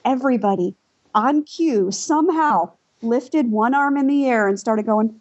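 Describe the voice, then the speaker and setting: A woman's voice: fairly high pitch, a little slow. Giggly woman telling party stories. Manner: giggly, laughs through her stories. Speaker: podcast co-host. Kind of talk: casual storytelling chat. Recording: dull lo-fi sound.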